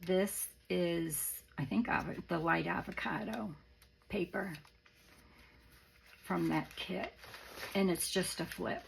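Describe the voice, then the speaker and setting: Raspy, creaky woman crafter, voice giving out. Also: fairly low pitch, a little hiss or hum, rough recording. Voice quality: raspy, worn voice. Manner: halting, rambling, informal. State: voice starting to go after illness. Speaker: craft video presenter. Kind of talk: casual show-and-tell of a handmade journal.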